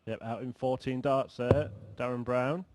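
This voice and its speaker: A man's voice: mid-range voice, steady tone, unhurried. A man commentating live on a darts match, describing the play and the players. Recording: very noisy live sports broadcast.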